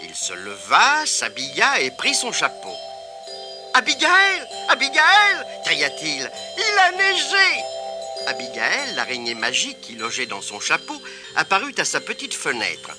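A man narrating a children's storybook, expressive and lilting. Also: medium pitch, moderate pace, music in the background.

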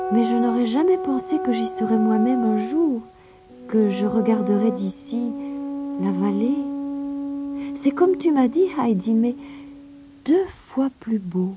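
Brief: woman as young wheelchair-bound girl, high, sing-song, slow and breathless, storybook. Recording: music playing behind.

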